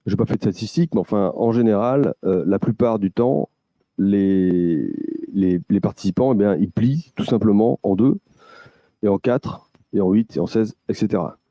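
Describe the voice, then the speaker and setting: A man's voice: fairly low pitch, normal speed, dark tone, dry recording. A man presenting a workshop, explaining step by step with many hesitations and restarts. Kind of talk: explanatory teaching talk.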